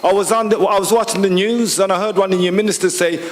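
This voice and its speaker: A man born in the UK, speaking forcefully as an audience member at a public hearing and driving his points home with rhetorical questions. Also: high voice, fairly even intonation, fast talker, in a large hall. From United Kingdom. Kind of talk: impassioned public comment.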